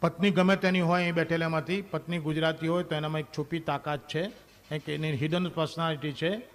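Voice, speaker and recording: A man's voice: a little high, fairly even intonation, brisk. A man performing a stand-up comedy monologue on stage, chatting straight to the audience and acting out scenes from married life. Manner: chatty, addresses the audience directly.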